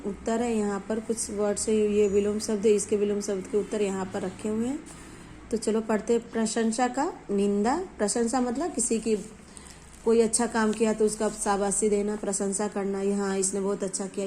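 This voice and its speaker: A woman school teacher, giving a patient Hindi grammar lesson to children. She repeats words slowly and mixes in English terms. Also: medium pitch, dark tone, a little hiss or hum.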